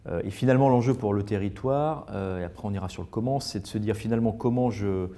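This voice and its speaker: Fast-talking low man. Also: mellow. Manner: quick, listing examples, stammering restarts. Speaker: debate guest. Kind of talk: panel discussion.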